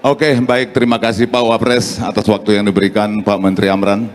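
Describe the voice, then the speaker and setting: A man's voice: lowish voice, little pitch movement, fairly quick. A man from North Sumatra, a rice farmer, earnestly and respectfully petitioning an official. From North Sumatra, Indonesia.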